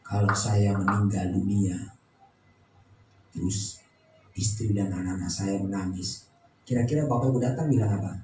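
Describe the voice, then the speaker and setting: A man's voice: deep voice, moderate pace, pauses often, background noise. A man preaching a sermon as pastor, joking and teasing the congregation with acted-out asides. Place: church hall. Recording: echoey church hall, mic at a distance, faint background.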